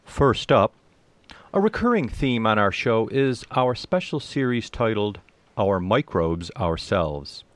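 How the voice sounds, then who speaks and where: Male science show co-host, very animated intonation, scripted links, dry studio sound. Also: mid-range voice, measured pace, no room sound. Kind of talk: scripted narration introducing a feature.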